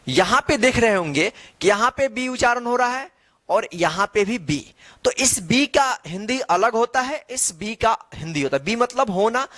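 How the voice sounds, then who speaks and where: A male English teacher giving a classroom-style lesson. He spells letters out slowly and answers his own questions. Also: high voice, fairly bright tone, dry recording.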